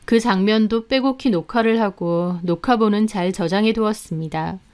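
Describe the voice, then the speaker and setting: A woman narrating a dramatic first-person story in a measured way. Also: mid-range voice, a little mellow, clear, resonant tone.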